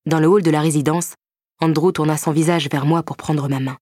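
A woman narrates a first-person romance novel in a low, even voice. Her reading is measured and intimate, carrying quiet tension. The close, dry studio sound leaves no room echo. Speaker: audiobook narrator.

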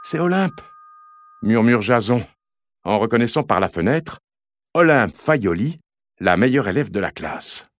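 A man narrating a children's audiobook in an expressive storytelling manner. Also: fairly low pitch, a little slow, no echo.

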